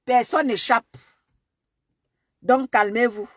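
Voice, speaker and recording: A Cameroonian woman with a Cameroonian French accent and a high voice lectures her followers in a long, scolding monologue. She keeps repeating her warnings. The sound is dry and close. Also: fairly even intonation, slow, breathy edge, no room sound. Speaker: social media commentator.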